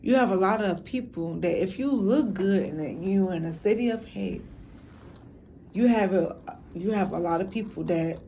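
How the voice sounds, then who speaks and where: A woman's voice: mid-range voice, normal speed, warm tone, a little hiss or hum. Rambling woman with a Chicago accent. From Chicago, United States. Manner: loose, meandering storytelling with frequent restarts. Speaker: documentary maker and narrator. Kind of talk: casual documentary talk.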